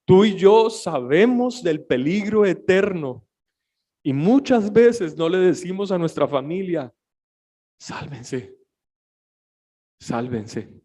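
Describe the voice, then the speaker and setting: A man preaching a sermon as pastor, swinging between hushed, emotional passages and shouted pleas. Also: sits high, expressive, a little slow. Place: church.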